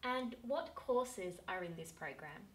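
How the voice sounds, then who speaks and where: A woman's voice: mid-range voice, expressive, slow, a bit bright. A young woman hosting a university video, introducing guests and asking questions in an upbeat, encouraging way. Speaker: host. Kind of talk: presenting, interviewing. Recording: roomy, from a distance, faint hiss.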